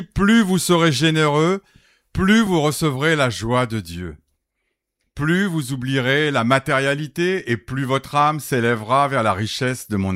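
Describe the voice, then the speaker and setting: A greedy cult messiah in a comic radio serial. The male voice is mid-pitched and very animated, preachy and grandiose, recorded dry and close. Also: no echo. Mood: pompous preaching. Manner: preachy, grandiloquent, turning curt. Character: self-styled messiah guru, pompous, greedy.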